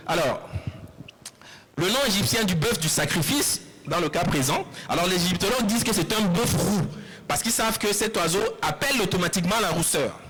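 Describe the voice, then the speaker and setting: High-voiced man giving a lecture. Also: fairly bright tone, rough recording. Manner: explanatory, repeats words slowly, asks the audience questions. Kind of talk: public lecture. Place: lecture hall.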